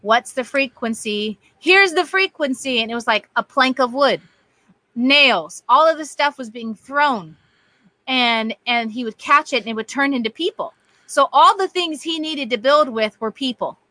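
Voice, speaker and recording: Bright, high-voiced animated woman. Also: normal speed, dry recording. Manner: animated, quotes voices, laughs easily. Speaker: guest sharing testimony. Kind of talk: casual storytelling chat.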